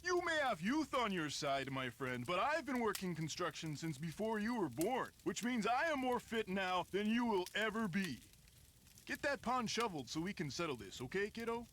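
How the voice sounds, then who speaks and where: A boastful Canadian construction worker. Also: male voice, high-pitched, sing-song, normal speed, fairly bright tone, a little hiss or hum. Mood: gruff. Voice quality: boastful, gruff and folksy. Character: folksy middle-aged male construction worker, lodge guest. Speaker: game character.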